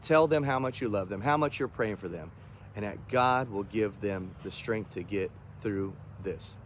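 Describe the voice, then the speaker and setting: A man's voice: fairly low pitch, normal speed, a little hiss or hum. A man giving a short, earnest devotional talk as a pastor, reading scripture aloud and encouraging listeners.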